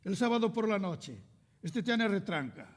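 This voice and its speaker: An older Galician man with a Galician Spanish accent gives a lecture in a large hall, his fairly high voice trailing off into a long reverb. He reads cartoon captions aloud and acts out the quoted lines as he translates them. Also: animated, a little slow. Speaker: historian lecturer.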